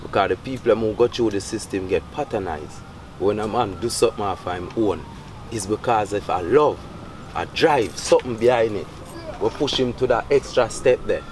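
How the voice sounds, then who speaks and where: A man's voice: on the low side, normal speed, darkish tone, slight background noise. A man with a Jamaican accent explaining his view in Rasta patois during a casual reasoning.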